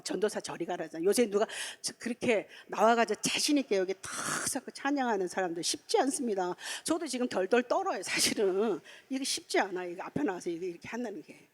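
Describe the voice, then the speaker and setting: Woman, preacher, sermon, church, emotional, lively pitch. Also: a little fast, few pauses. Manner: animated, emotional, heartfelt storytelling. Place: church sanctuary.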